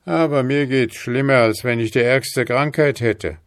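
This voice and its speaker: A man's voice: medium pitch, unhurried, dry recording, studio quality, pitched above the performer's own voice, lightly acted. A man reading a fairy tale and voicing a worried poor man with a pleading, somewhat raised voice. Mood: despairing.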